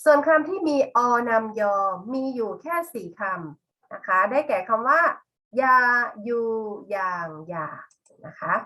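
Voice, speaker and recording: Slow, bright-voiced woman teacher. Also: a little high, animated. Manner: patient, spells out each example word. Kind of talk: slow, clear classroom lesson.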